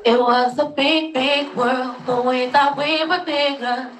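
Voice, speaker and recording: A woman's voice: high-pitched, steady tone, takes it slowly, echoey room, faint music behind. A woman singing a pop song live on a phone livestream into a handheld mic, earnest and a little nervous. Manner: earnest, nervous between lines. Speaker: guest singer. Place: home room, indoors.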